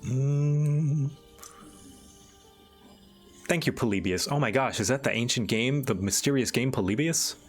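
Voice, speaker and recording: A man hosts a casual livestream at a slow, easy pace, his mid-pitched voice halting as he thinks aloud. Faint music plays behind him. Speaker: livestream host.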